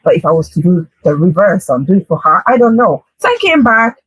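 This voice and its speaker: A woman guest telling a story in a casual podcast chat, animated and playful. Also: fairly low pitch, brisk, breathy edge, dry recording, low-quality recording. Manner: animated, playful, tells stories with rising emphasis.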